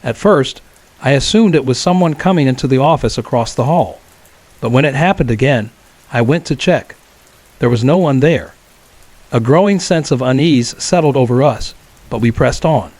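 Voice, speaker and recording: A man reads a scripted true horror story in a calm, measured voice. His pitch sits in the middle of the male range. The sound is dry, with no room echo. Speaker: narrator.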